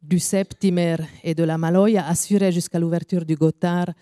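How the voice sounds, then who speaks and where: A woman with an Italian accent, speaking as an invited guest, delivers a careful, measured formal talk with small pauses. Her voice sits low and warm. The sound is close and dry. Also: fairly even intonation, dry recording. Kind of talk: formal speech to an audience. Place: evening event venue.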